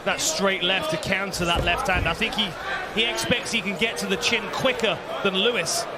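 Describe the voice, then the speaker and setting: High-voiced male fight analyst, noisy arena. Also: steady tone, normal speed. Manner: conversational, analytical. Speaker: colour commentator. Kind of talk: analytical live MMA commentary. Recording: very noisy arena, roaring crowd.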